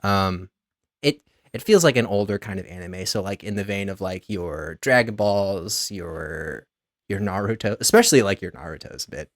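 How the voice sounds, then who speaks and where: A man with a low voice chats casually on a podcast, rambling through long explanations full of fillers and restarts. His voice sounds dry and close to the mic, with no room around it. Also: animated, normal speed, dry recording. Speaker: podcast co-host. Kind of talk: casual chat.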